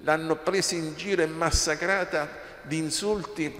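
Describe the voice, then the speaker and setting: A man's voice: on the high side, fairly even intonation, normal speed, fairly bright tone. A man, a priest, preaching an impassioned sermon in a church, firing rhetorical questions at the congregation. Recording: echoey church with long reverb.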